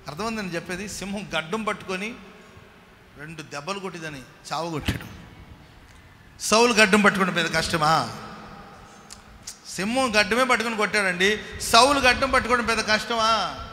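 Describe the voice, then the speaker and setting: A man preaching a sermon as pastor, firing rhetorical questions at the congregation and calling them to clap and shout hallelujah, swinging between loud exhortation and quiet asides. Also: high-pitched, a little hiss or hum. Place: large church hall. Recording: echoey hall with long reverb.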